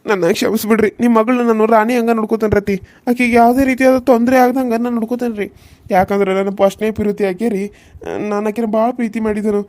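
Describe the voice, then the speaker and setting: A woman's voice: a little high, darkish tone, lightly acted. A woman voicing an earnest young village husband in a cartoon serial, apologizing. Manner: pleading, apologetic.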